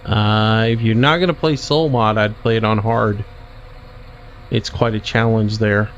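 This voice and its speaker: A man streaming a game and casually answering chat questions in a relaxed, drawling way. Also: fairly low pitch, a little slow. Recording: dull lo-fi stream audio with faint vehicle noise.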